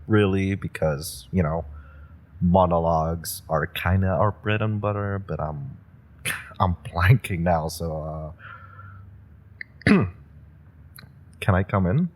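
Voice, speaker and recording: In an audio roleplay drama, a man plays a nervous, eager young superhero rookie who rambles, stammers and laughs nervously. His voice sits low, slow, with long pauses.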